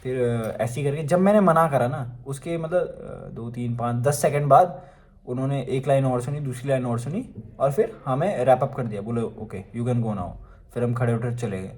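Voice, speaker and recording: A man's voice: mid-range voice, moderate pace, darkish tone. A young man from India telling a personal story in a casual, chatty way, with frequent fillers and asides. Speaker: vlogger.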